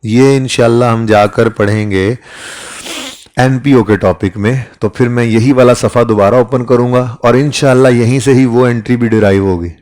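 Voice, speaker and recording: A man's voice: medium pitch, fairly even intonation, moderate pace, a little mellow. A man giving a classroom accounting lecture, talking conversationally and often checking in with his students. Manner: conversational, keeps checking in with "ठीक है?". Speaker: accounting teacher.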